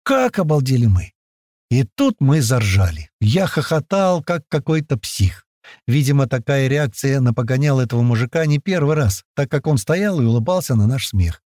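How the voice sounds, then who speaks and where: A man narrating a first-person audiobook in a lively, slangy, conversational way. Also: mid-range voice, moderate pace, dry recording, clean studio sound.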